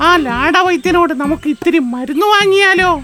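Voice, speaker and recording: Squeaky young cartoon hen, very high voice, actress, with a music bed. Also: female voice, moderate pace, bright, forceful tone. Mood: chatty.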